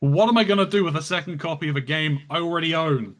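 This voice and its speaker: A man's voice: a little high, quick pace, fairly bright tone. A man chatting casually on a stream about old games, hesitant and full of "um"s. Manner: hesitant, many "um"s. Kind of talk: casual gaming chat.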